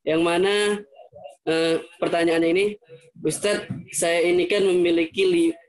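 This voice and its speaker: A man moderating an online question session over a video call. He reads the questions out slowly, stumbling and restarting with small fillers. His voice sits a little higher than most men's. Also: fairly even intonation, poor audio. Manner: slow and hesitant, with fillers while reading out questions.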